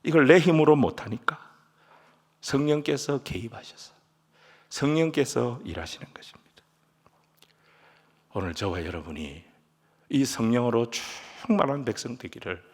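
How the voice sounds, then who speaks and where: Korean pastor preaching in a reverberant hall. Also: male voice, lowish voice. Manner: emphatic preaching, swings from soft near-whispers to loud stressed lines; leads the congregation in reading scripture aloud. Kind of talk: sermon. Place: large church sanctuary. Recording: long church hall reverb.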